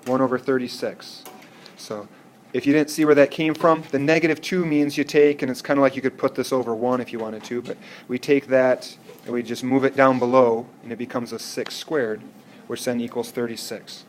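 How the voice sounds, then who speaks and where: A man's voice: mid-range voice, fairly even intonation, normal speed, slight background noise. Patient man teaching a math class. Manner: patient, checks in with students often. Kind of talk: classroom lecture.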